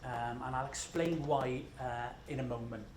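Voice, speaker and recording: This mid-range, somewhat dark voice belongs to a man from Scotland talking at normal speed with a steady tone. Jet-lagged and leaning on fillers, he presents to a conference in a chatty, self-mocking way, recorded in a big, echoey hall with faint noise.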